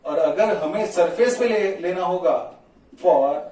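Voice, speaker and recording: Slow, echoey male physics teacher. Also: high-pitched, mellow. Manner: mixes Hindi and English, dictates slowly, checks in with students. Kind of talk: classroom lecture. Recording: roomy echo, mic at a distance.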